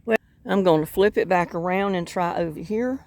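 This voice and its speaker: This older vlogger with a North Carolina Southern accent has a slightly mellow voice on the low side and talks at a normal speed. She's fishing outdoors by the water, chatting in a rambling, folksy, self-deprecating way.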